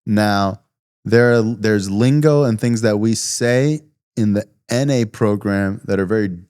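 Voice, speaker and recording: A man's voice: lowish voice, takes it slowly, darkish tone, clean tone, no room sound, clean studio sound. A man from South Florida, a guest on a podcast, talking loosely in casual conversation with lots of fillers and asides. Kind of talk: casual interview talk.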